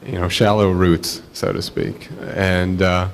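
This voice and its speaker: Man, from Israel, very low pitch, flat delivery, reflective panel talk. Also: a little hiss or hum. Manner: reflective, measured, many fillers.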